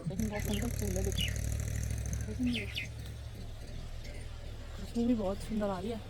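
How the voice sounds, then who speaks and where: A woman's voice: mid-range voice, steady tone, unhurried, noisy background. A woman vlogging outdoors, chatting casually and narrating what she sees to her phone camera. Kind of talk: casual vlog chat. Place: outdoors by a ground and trees.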